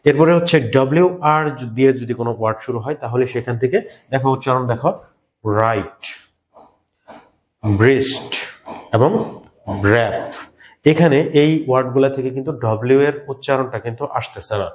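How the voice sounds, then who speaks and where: A man with a Bangladeshi Bengali accent teaching an English lesson, repeating key words and slowing down to pronounce examples. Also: medium pitch, a little mellow. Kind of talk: explaining a grammar lesson.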